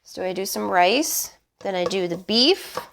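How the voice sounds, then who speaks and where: A woman's voice: medium pitch, expressive, a little slow, creaky, a bit bright, slight background noise. A woman hosting a casual home recipe demonstration, chatty and emphatic, her voice congested and honking as she gets over bronchitis. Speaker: cooking show host.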